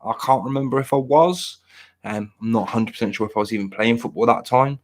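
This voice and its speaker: In a casual chat, a thirty-something podcast host rambles and makes fun of himself, often restarting what he says. His voice sits in the mid-range, and he talks fast.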